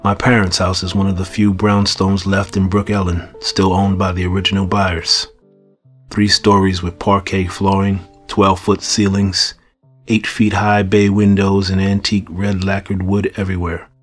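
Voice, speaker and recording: Low, flat, husky male narrator. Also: moderate pace, faint music behind. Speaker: audiobook narrator. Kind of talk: first-person fiction narration.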